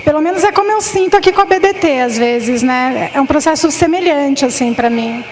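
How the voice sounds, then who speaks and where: A woman with a high, bright voice muses tentatively on the panel as a dance artist. A faint hiss sits behind her. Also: brisk. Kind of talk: panel discussion.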